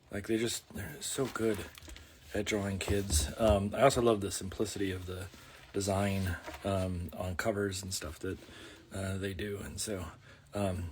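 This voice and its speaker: A man's voice: on the low side, slight background noise. A man with a Minnesota accent hosting a casual livestream chat from home, rambling with lots of fillers and restarts. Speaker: host. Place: home studio room. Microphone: phone on a mount.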